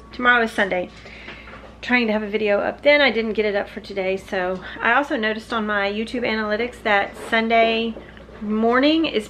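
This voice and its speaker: A woman's voice: fairly high pitch, fairly bright tone, a little hiss or hum, rough recording. A woman in her forties chatting casually on a home vlog from her kitchen, rambling and laughing often. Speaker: vlogger. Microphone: camera on the counter, sometimes handheld.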